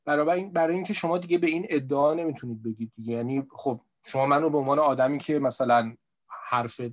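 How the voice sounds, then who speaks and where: A male guest in a discussion, earnestly explaining a personal view. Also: fairly high pitch. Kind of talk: conversational discussion.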